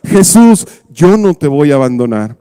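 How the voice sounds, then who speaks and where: A man's voice: sing-song, normal speed, smooth. A man doing brash, hot-tempered Peter. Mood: protesting. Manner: loud, high and emphatic. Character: brash, hot-tempered fisherman insisting he is loyal.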